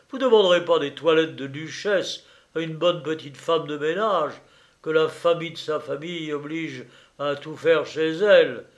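A man voicing a blustering, flattering old retired army colonel in a read-aloud novel, talking loud and emphatic. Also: on the high side, lightly acted.

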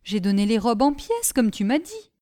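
A woman's voice: a little high, very animated, moderate pace, dark tone. A woman reading aloud, voicing Gribouille, a simple-minded, earnest young peasant boy who tells his tale eagerly. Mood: anxious. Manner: naive, eager, breathless storytelling.

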